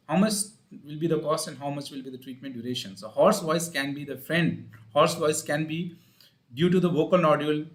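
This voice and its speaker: A man with an Indian accent and a mid-range voice hosts an advice livestream as a speech-language pathologist. His informal live explanatory talk comes out halting, repetitive, and teacherly.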